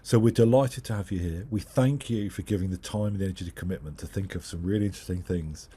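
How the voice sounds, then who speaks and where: A man's voice: deep voice, fast, warm tone. A man who is short of breath, giving a hesitant, discursive spoken introduction as the host. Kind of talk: spoken introduction at an online talk.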